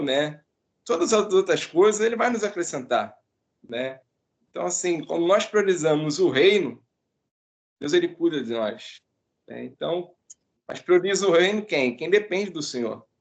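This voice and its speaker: A man in a prayer group who preaches informally, earnest and exhorting, with tag questions. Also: a little high.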